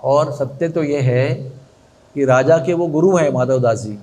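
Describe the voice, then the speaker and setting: A man telling a devotional story as a sermon, animated and chatty, with asides to his listeners. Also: medium pitch, unhurried, a little hiss or hum. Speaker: religious storyteller.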